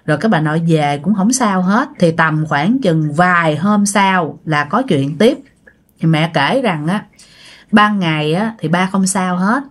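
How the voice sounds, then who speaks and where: A woman's voice: fairly low pitch, a little slow. A woman telling a ghost story casually, talking straight to her listeners. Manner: chatty, addresses listeners directly.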